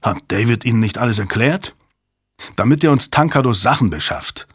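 A man's voice: medium pitch, animated, normal speed, breathy edge, no echo, studio quality. A man reading an audiobook voices a tired, middle-aged intelligence commander who defends himself firmly and with growing impatience. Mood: calm. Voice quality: firm, justifying, slightly impatient. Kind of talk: audiobook character voice.

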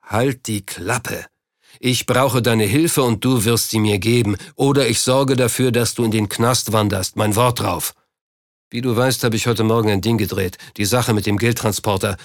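A man voicing a gruff male crook with a rumbling voice, slow, coarse and threatening. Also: dry recording, studio quality, natural voice. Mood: menacing. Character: gruff male London crook, menacing and blunt.

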